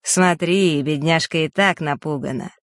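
A storyteller doing a smug, scheming teenage boy in an audiobook, smooth and mock-polite with a sneer under the courtesy. The lines come slow and drawn out, recorded close and dry. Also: mid-range voice, no room sound, close to an everyday voice. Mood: mock-caring. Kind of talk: audiobook character reading.

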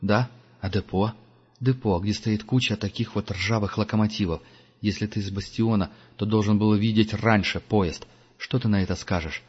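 A man doing a tough, irritable hunter in an audiobook, curt and growling. The voice sits low and the recording sounds dull and lo-fi. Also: steady tone, normal speed, a little mellow, breathy edge, big-room sound. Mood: menacing. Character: gruff tough male hunter, irritable and menacing.

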